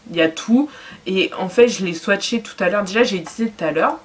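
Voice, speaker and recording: A woman's voice: medium pitch, a little fast. A young adult woman chatting enthusiastically in a casual fashion and beauty haul vlog, with lots of fillers. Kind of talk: casual haul video chat.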